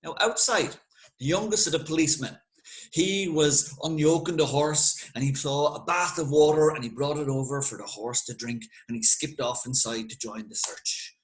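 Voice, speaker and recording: A man with an Irish accent telling a folk tale in a lively, conversational way with dramatic pauses. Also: on the high side, rough recording. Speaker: storyteller. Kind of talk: spoken folk tale narration.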